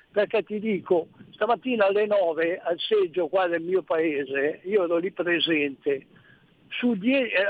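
A man's voice: sits high, dry recording. A man calling in to a radio show over the phone, talking in a worried, rambling way. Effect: phone line. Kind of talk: casual call-in chat. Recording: tinny phone line.

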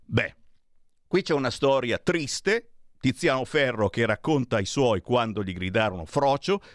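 A man's voice: mid-range voice, expressive, unhurried, no room sound, clean studio sound. A man commentating to his viewers in a sarcastic, provocative casual monologue. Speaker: online commentator.

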